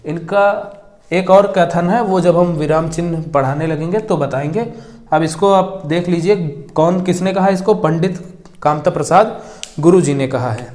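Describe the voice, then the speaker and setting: Hindi grammar teacher dictating slowly. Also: male voice, on the high side, darkish tone. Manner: slow dictation, repeating words as he writes; explains by asking and answering his own questions. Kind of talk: whiteboard grammar lesson.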